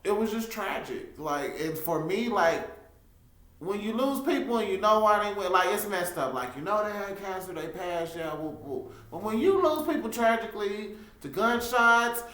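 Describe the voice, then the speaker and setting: A woman speaks candidly and expressively in a casual, heartfelt conversation. Her pitch moves about a great deal. The room around her is echoey. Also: lively intonation, normal speed, fairly bright tone.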